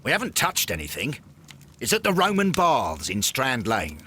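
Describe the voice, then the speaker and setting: Bright, blustering English police inspector. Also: male voice, mid-range voice, huge pitch swings, normal speed, a little hiss or hum. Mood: brisk reporting. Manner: blustering, emphatic. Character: blustering, easily flustered Victorian London police inspector. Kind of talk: video game cutscene acting.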